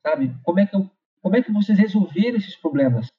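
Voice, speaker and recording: A high-voiced man from São Paulo, Brazil, gives encouragement as a motivational speaker, delivering a motivational talk built around a personal anecdote. He's animated and talks fast in a conversational way, repeating phrases and tagging lines with "né." The recording is lo-fi and slightly dull.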